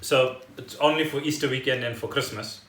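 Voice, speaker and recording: His mid-range voice is fairly bright and fairly even in intonation, moving a little fast as this South African man co-hosts a casual podcast. He explains news in a wry, conversational style, and the home recording sounds roomy and echoey.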